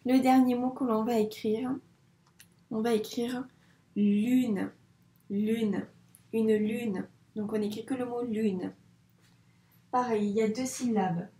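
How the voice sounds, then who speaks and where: A woman's voice: on the high side, fairly even intonation, mellow. Woman, primary teacher, patient, sounds out syllables to a child, roomy echo. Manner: patient, spells sounds out slowly and clearly to a child. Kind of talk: dictation lesson for young children. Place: room with a whiteboard. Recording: echoey room.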